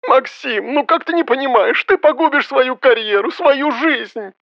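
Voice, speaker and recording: A man's voice: animated, normal speed, no echo, muffled recording. A man reading an audiobook, voicing a fretful, snobbish middle-aged mother who wails and pleads. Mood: pleading. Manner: wailing, pleading, high-pitched.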